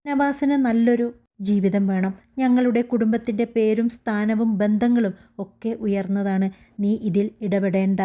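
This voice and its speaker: A woman's voice: mid-range voice, fairly even intonation, normal speed, warm tone, natural voice. A woman voicing a stern, haughty older mother-in-law who talks in a dismissive, mocking way.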